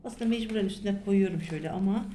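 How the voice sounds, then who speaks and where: A middle-aged woman teaches German in a private lesson. She drills the same question again and again and repeats each word slowly and patiently. She is recorded on a phone held over a notebook in a small indoor room with faint noise. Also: medium pitch, dark tone. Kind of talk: private lesson, explaining grammar. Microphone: phone camera over a notebook.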